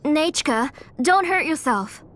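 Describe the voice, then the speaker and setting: A woman's voice: high-pitched, lively intonation, slow pace, a bit bright, exaggerated voice. A woman playing a worried auntie in a video game, scolding a child out of care. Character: anxious, caring auntie raising a sick girl. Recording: music behind the voice.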